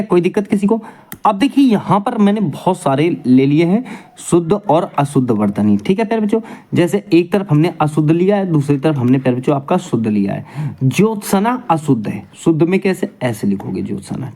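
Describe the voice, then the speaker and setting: A man teaching an exam coaching lesson, his voice rising and falling in a wide, animated sweep. He puts questions to the class and answers them himself. He keeps checking in with his students as he goes. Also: on the high side.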